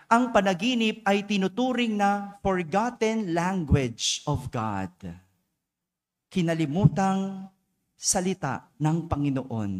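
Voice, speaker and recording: A male priest preaching a homily at a dawn mass in a church. His voice sits high for a man and he talks unhurriedly, telling a story step by step and pausing to ask the congregation to agree. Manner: storytelling, checks in with the congregation with a tag question.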